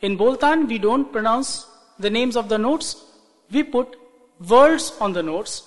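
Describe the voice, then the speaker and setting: A man explains classical singing terms in a music lesson, in a very high voice. He speaks slowly, in short deliberate phrases. The voice rings out with a long reverb. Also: animated. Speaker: music teacher.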